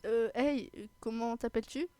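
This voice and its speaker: A woman's voice: a little high, steady tone, normal speed, dark tone, smooth, dry recording, natural voice. A woman voicing a shy young witch girl who speaks in a hesitant, polite way. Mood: timid.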